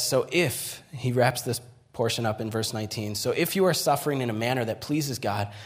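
A man preaching a sermon, earnest, building to emphatic peaks and dropping to hushed, quiet lines. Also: medium pitch. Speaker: pastor.

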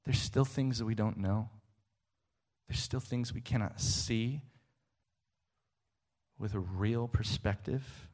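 A man's voice: fairly low pitch, takes it slowly, pauses often, darkish tone. A middle-aged man preaching a sermon, emphatic and rhetorical, often checking in with the listener.

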